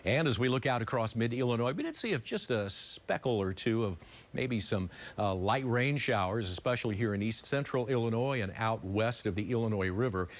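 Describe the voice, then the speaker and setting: A man's voice: mid-range voice, lively intonation, fairly quick. A man presenting news and weather in a conversational broadcast style.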